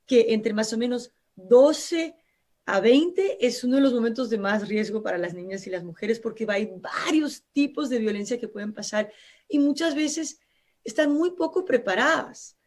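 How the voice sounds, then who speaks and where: A Brazilian woman, a native Portuguese speaker with a Brazilian accent, speaks Spanish as a guest expert on a live radio interview. Her voice is on the high side and darkish, with lively intonation at a moderate pace, and she explains earnestly with frequent restarts.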